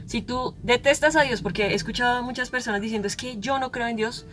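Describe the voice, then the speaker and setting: A woman's voice: fairly high pitch, quick pace, a bit bright, faint music behind. Candid young woman. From Colombia. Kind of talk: conversational religious talk.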